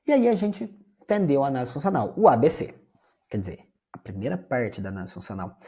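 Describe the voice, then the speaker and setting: A man's voice: medium pitch, mellow, slightly rough. A Brazilian man giving a conversational classroom lecture, often turning to his audience. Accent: Brazilian Portuguese. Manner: conversational, addresses audience as "gente".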